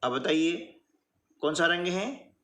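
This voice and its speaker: A man teaching a workbook lesson in a patient, slow classroom manner, often checking in with the listener. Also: fairly high pitch, lively intonation, sharp tone. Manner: patient, repeats "है ना" and "ठीक है" often.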